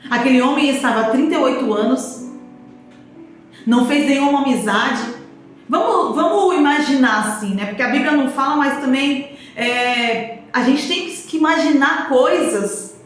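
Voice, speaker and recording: A woman's voice: sits high, normal speed. A woman preacher, delivering a sermon in an emphatic, repetitive way and speaking straight to her listeners. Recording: very echoey room with faint instrumental music.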